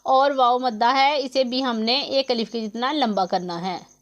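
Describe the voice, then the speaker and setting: Recorded close to the mic, a woman gives a slow, step-by-step tajweed lesson, patiently explaining each letter of Quran recitation and how long to hold it. Her voice is on the high side at a moderate pace, with the highs cut off.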